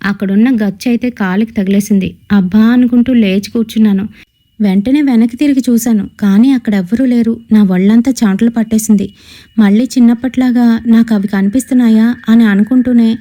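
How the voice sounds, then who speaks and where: A young woman narrating a first-person horror story in a steady storytelling way, speaking the other people's lines herself. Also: a little high, brisk. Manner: steady storytelling with quoted dialogue.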